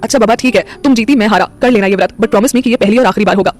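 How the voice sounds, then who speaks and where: A playful, joking young man who teases his friends and fusses over his partner, as a woman narrator puts him on. He talks very fast in this romantic audio story, with faint music behind him. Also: mid-range voice, a little mellow, close to an everyday voice. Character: young man, teasing, caring boyfriend.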